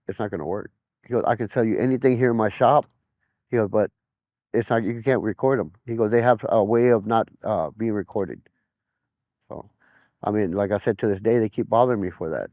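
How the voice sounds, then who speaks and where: A man's voice: mid-range voice, darkish tone, no room sound, studio quality. A middle-aged man giving personal testimony in an interview, plain-spoken, often retelling conversations as quoted dialogue.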